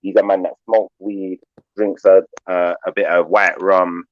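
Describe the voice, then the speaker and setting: This panel guest from England has a low voice, speaking at a measured pace with a level tone in a casual group conversation. His talk is easygoing and meandering, filled with "like" and "you know," and the recording is muffled with no echo.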